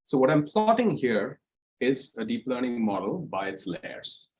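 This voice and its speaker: A man with a mid-range, sing-song voice gives a measured guest lecture at a university seminar, recorded with lo-fi sound in a lecture room. He explains in a loose style, with frequent fillers and restarts along the way.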